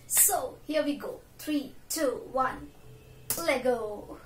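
A young Indian woman with an Indian English accent chats casually to camera as a reaction vlogger, self-deprecating and full of "so yes" fillers. Her high voice moves extremely slowly. She's indoors in a small room at home, with roomy echo, faint music and slight background noise.

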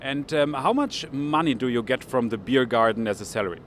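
A man's voice: mid-range voice, brisk, slight background noise. A man in his forties with a German accent, doing a street interview as a finance correspondent, hesitant with many ums in English. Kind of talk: street interview, report to camera. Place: outdoors on a city street. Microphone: handheld microphone.

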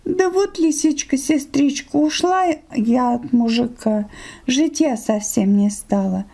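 A woman's voice: high voice, slow pace, vocal fry, dark tone, voice pushed up, exaggerated voice. A woman voicing an aggrieved female sheep in a storybook tale, lamenting and complaining. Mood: plaintive. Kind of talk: storybook character voice in an audio fairy tale.

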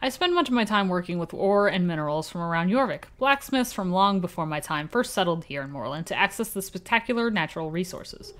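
Reading game dialogue in a formal, warm manner, a woman plays a kindly older male village blacksmith with a vague put-on accent. Her voice sits on the low side with big pitch swings, moving a little fast with hardly any pauses, and her mood is earnest.

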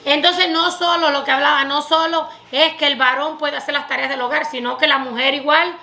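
Cuban woman, 30s, high bright voice, chatty kitchen vlog host. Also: steady tone, a little fast. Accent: Cuban Spanish. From Cuba. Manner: chatty and laughing, mixing in English words. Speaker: vlogger, channel co-host. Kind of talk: casual chat. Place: home kitchen, indoors.

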